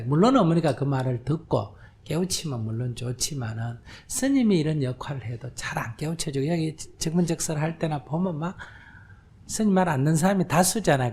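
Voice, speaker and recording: An older man, a Buddhist monk, gives a conversational question-and-answer dharma talk in a lecture hall with an audience. His voice is a little high with a darkish tone, and he often asks listeners whether they understand, acting out quoted voices and dropping to whispers.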